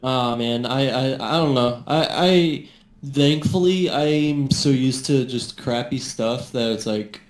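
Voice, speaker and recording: A young man chats casually as a podcast guest, speaking slowly in a mid-range voice, stammering, using lots of fillers and giggling often. The mic sounds roomy, with faint background noise.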